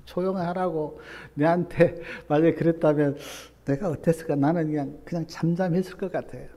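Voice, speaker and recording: A male pastor preaches in a fairly high, mellow voice. He drops to soft, low asides, then rises to loud, emphatic appeals. His voice carries a long reverb from the church hall. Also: steady tone, a little fast. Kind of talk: sermon.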